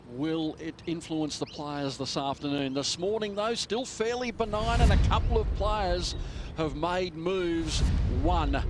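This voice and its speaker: Higher-pitched male golf commentator. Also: slight background noise.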